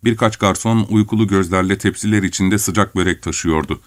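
A man with a low voice reads a story aloud at a measured pace, pausing deliberately between phrases. The recording is dry and close, with no room sound. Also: no room sound. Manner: measured, unhurried reading with deliberate pauses. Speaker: audiobook narrator. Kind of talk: storytelling narration.

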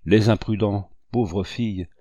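A man's voice: lowish voice, steady tone, measured pace, dark tone, no room sound, dull audio. A man reading an audiobook voices a young male servant who gives orders in an imperious, urgent tone. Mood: urgent, commanding.

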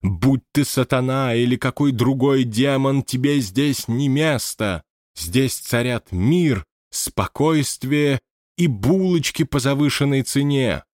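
A man's voice: medium pitch, slow, darkish tone, no room sound, clean studio sound, pitched above the performer's own voice, natural voice. A man voicing a theatrical, self-important woman medium who declaims melodramatically in an audiobook. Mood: melodramatic. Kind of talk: audiobook character voice.

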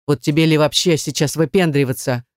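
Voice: mid-range voice, steady tone, brisk, dry recording, lightly acted. Stern, domineering jealous man voiced by the audiobook reader; growling, dry sound. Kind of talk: audiobook dialogue.

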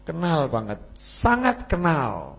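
A man voicing a lovestruck young male perfume seller, pleading and excitable. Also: a little high, takes it slowly, vocal fry, breathy edge, exaggerated voice. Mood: earnest.

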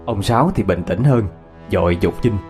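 A man's voice: lowish voice, moderate pace, soft background music. A man narrating a ghost story dramatically. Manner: lively, dramatic.

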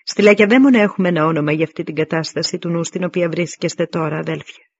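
A man's voice: a little high, creaky, slightly rough, no room sound, highs cut off. A man reading the part of a stern veteran Spartan warrior in an audiobook, giving commanding speeches.

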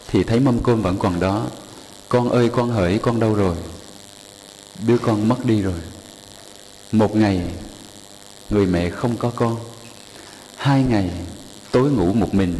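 A man telling a folk tale to listeners in an unhurried way, addressing them directly. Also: fairly low pitch, mellow. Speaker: storyteller. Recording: long hall reverb, faint background noise.

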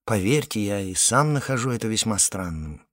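Male narrator as a curt, low-voiced monster on the job, flat and unbothered. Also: normal speed. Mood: stern. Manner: curt, firm, low-key. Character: stern male monster collector, calm and businesslike.

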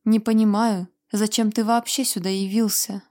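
A woman's voice: medium pitch, flat delivery, normal speed, dark tone, close to an everyday voice. A woman reading an audiobook, voicing a frightened, tearful young woman who trembles, pleads and flares into anger. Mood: exasperated. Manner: trembling and pleading, flaring into angry outbursts.

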